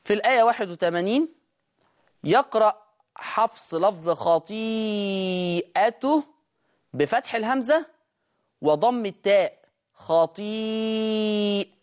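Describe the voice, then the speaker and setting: A Quran recitation teacher with an Egyptian accent, explaining quickly and then slowly drawing out each word to demonstrate how it is read. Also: mid-range voice, animated. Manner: brisk explanation, slow drawn-out demonstration of words. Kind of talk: recitation lesson.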